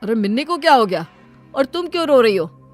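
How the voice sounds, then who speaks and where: A woman's voice: fairly high pitch, very animated, a little fast, darkish tone, soft background music. A woman doing a stern scolding father. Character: stern middle-aged father, fed up.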